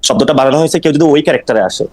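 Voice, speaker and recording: A man's voice: on the high side, darkish tone, rough recording. A man from Noakhali, Bangladesh, a politician guest on a talk show, defending his earlier remarks in insistent, repetitive answers. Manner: rapid, insistent, repeats himself when explaining.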